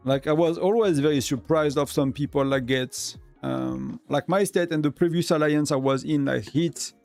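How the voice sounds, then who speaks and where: Faint music plays behind this French-accented gaming streamer, a native French speaker with a fairly high, creaky voice and a darkish tone. Talking at normal speed, he chats loosely on his live game stream, full of fillers and false starts.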